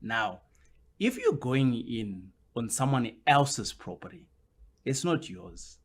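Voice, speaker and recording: A man's voice: medium pitch, big pitch swings, takes it slowly. A man, a guest on a podcast interview, explaining his points at length and often circling back with "which basically means".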